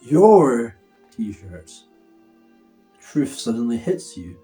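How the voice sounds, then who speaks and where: A man's voice: medium pitch, very animated, extremely slow, dark tone, soft background music. A man giving a hammy, theatrical stage-actor reading of a children's story, drawing words out for drama.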